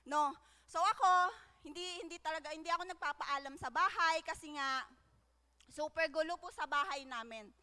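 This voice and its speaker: A young woman giving a personal church testimony, halting, with many fillers and tag questions. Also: sits high, pushed and bright. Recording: long reverb of a large hall.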